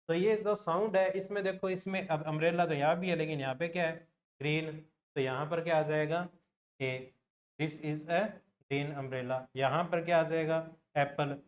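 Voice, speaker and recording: A man teaching an exam-prep grammar lesson, asking the class questions and answering them himself, slowing down to sound out example words. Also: fairly high pitch. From Rajasthan, India.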